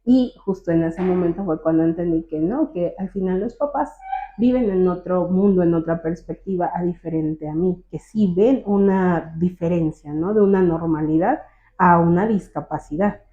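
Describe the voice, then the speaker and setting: A woman's voice: lowish voice, normal speed. A young woman guest telling her childhood story in an interview, acting out the voices of her teacher and family as she goes. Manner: animated, acts out quoted voices of teachers and family. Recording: tinny phone-like line.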